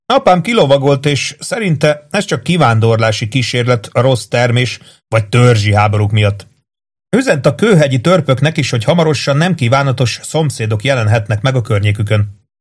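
A man voicing a calm, friendly young elf lord in an audiobook, speaking in a relaxed, courteous way. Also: mid-range voice, lightly acted.

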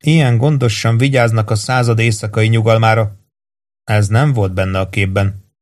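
A man narrating an audiobook in a measured, steady reading voice. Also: on the low side.

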